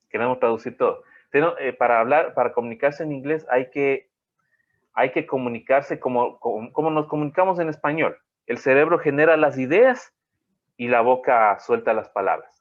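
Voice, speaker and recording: A man teaching an online class in a rambling way, often checking in with his students. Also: mid-range voice. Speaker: college teacher. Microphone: video call. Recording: dull lo-fi video call audio.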